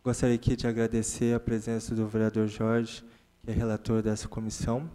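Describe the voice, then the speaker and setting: A man chairing a council committee meeting in a formal, measured way at a desk mic. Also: lowish voice, monotone, dark tone, clear, resonant tone. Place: council chamber.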